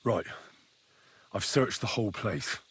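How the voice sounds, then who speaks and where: A man's voice: fairly low pitch, measured pace, fairly bright tone, breathy edge, exaggerated voice. A young man voicing an earnest, curious squire in a game, thinking aloud and asking questions. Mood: thoughtful. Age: young adult.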